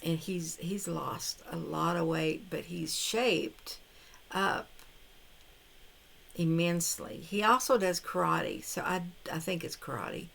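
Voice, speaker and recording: A woman's voice: fairly low pitch, slow, gravelly, fairly bright tone. An older woman vlogging casually to camera, rambling and hesitant, with frequent restarts. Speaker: vlogger on a carnivore diet challenge. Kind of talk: casual talking-to-camera vlog.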